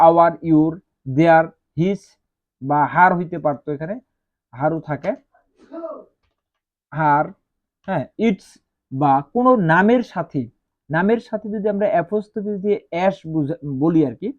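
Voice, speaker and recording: Man, grammar lesson, slow and repetitive explaining, raised pitch, muffled lo-fi sound. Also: a little mellow. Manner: slow, repetitive, spells out each example. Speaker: English teacher. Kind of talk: explaining grammar rules to students. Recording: dull lo-fi sound.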